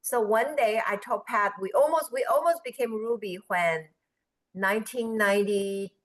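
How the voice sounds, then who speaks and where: This animated businesswoman, a guest on a business forum, spins her story over a video call at a moderate pace in a mid-range voice. She laughs and lifts her voice when quoting others, all captured in rough audio.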